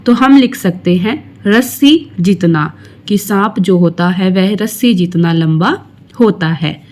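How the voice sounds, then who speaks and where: A woman's voice: medium pitch, a little mellow. A woman teaching a textbook lesson to young schoolchildren, reciting a short poem and then going through each exercise step by step. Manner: slow, explaining each step to young children.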